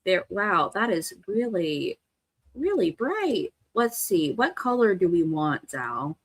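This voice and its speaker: A woman hosting a live reaction stream, chatting and laughing easily. Her pitch leaps up and down as she talks. The mood is casual and lively. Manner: animated, chatty, quick to laugh. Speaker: livestream host.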